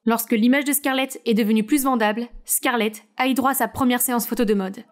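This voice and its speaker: A woman narrating a scripted story with brisk storytelling delivery. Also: a little high, fairly even intonation.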